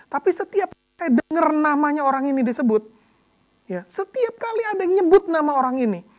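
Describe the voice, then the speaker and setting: Animated woman preaching a sermon. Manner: conversational, often adds "ya", repeats words for emphasis; shifts from soft and low to loud and emphatic. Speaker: deacon preaching.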